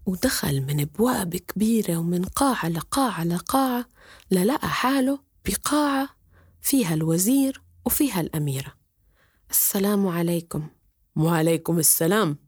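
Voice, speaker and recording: A woman's voice: medium pitch, animated, moderate pace, darkish tone, breathy edge, dry recording, clean studio sound. A woman telling a folk tale, repeating words for effect. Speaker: storyteller.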